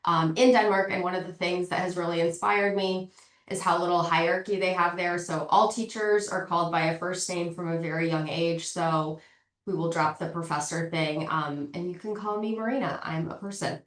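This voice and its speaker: Woman, marketing professor, nasal from a cold, lowish voice, chatty online lecture, roomy echo, far from mic. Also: fairly even intonation, moderate pace. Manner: informal and chatty. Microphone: video call. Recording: echoey, distant from the mic.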